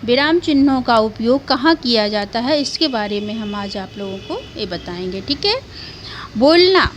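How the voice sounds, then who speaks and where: High-voiced woman teaching a grammar lesson. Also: a bit bright, a little hiss or hum. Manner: explains each point twice, asks and answers her own questions.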